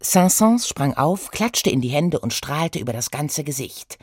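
Expressive low-voiced woman narrator. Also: unhurried, husky, no echo, studio quality. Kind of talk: scripted storytelling narration.

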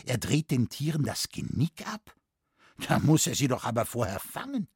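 A man's voice: medium pitch, sing-song, normal speed, darkish tone, slightly rough, no room sound, clean studio sound, exaggerated voice. A man voicing a naive, easily frightened city schoolmaster who speaks properly and stammers when shocked. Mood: anxious. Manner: fussy, stammering, proper speech.

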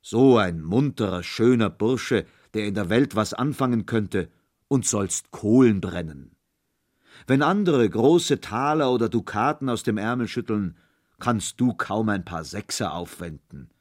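A man's voice: lively intonation, a little slow. A man playing a giant forest spirit. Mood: coaxing. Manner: loud, booming, coaxing then threatening. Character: giant menacing forest spirit in raftsman's clothes.

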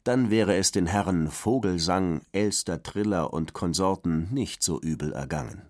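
A man with a low, deep voice narrates a children's audio story. He explains things in a calm, steady way. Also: moderate pace.

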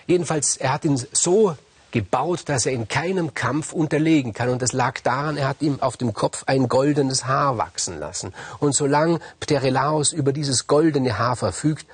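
A man retelling old myths in a loose, spoken way, pausing on fillers and restarting phrases. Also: medium pitch, husky, no room sound. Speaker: storyteller. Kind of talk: casual oral retelling of myths.

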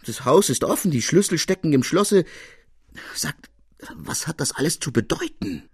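Honest, shaken servant man, voiced by a male narrator, agitated and husky. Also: a little high, expressive, normal speed, no echo, clean studio sound, voice pushed up, exaggerated voice.

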